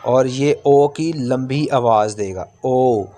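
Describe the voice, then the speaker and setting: A man with a warm, medium-pitched voice gives language instruction, breaking things down step by step. He says things more than once and holds vowel examples for a long time.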